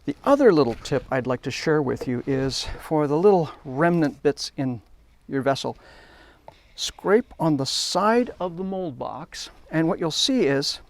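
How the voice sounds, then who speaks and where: Gravelly man cheerfully demonstrating. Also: on the high side, expressive, unhurried, dry recording. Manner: enthusiastic, chatty, narrates while working. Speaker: hobby instructor. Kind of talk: hands-on demonstration. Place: workshop.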